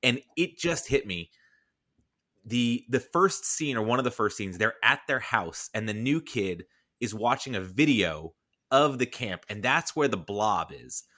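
A man's voice: mid-range voice, measured pace. Male guest on a chat podcast, easygoing, slips into acted-out quotes. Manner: acts out quoted lines in animated bursts. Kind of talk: casual chat.

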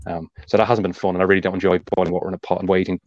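This Irish podcast host has a deep, low, slightly mellow voice with a level tone, talking fast through long tactical explanations on a casual football show. It sounds like a home podcast mic: dry, a bit dull, without echo.

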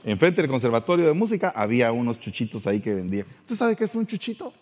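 A middle-aged man, telling a personal story in a playful, animated way. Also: medium pitch, fast, big-room sound. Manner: animated, playful, acts out voices. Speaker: podcast host.

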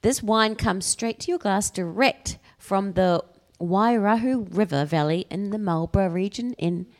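A woman's voice: medium pitch, unhurried. A woman in her thirties co-hosting a casual wine-tasting chat, talking like a self-styled wine expert. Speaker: co-host.

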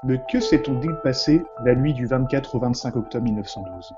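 A man's voice: mid-range voice, a little fast, dull audio, music in the background. A man narrating a mock-serious crime parody in a pompous, dramatic manner. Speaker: comedy narrator.

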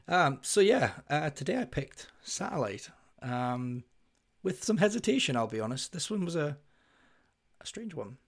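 A man in his thirties with a deep voice, co-hosting a casual music podcast. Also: very animated, normal speed. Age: 30s. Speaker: podcast co-host.

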